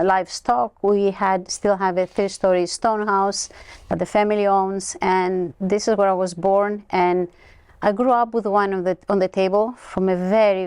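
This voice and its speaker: A Greek woman in her sixties, co-owner of a winery, is a chatty guest in a studio interview, telling stories expressively in a Greek accent. Her voice is medium-pitched, clear and resonant, with no room sound.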